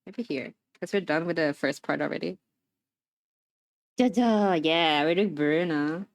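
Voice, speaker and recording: A woman's voice: deep voice, fairly even intonation, moderate pace, creaky, no room sound, studio quality. A young adult woman livestreaming, telling a story in a rambling casual chat with lots of fillers while assembling a craft. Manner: chatty, rambling, many fillers, laughs often.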